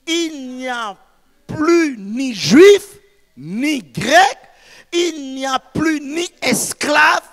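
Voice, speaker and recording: A man from the Central African Republic, a pastor preaching a sermon in a church, speaking emphatically and rising to shouts. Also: extremely high pitch, lively intonation, drawn-out words. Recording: long reverb of a church hall.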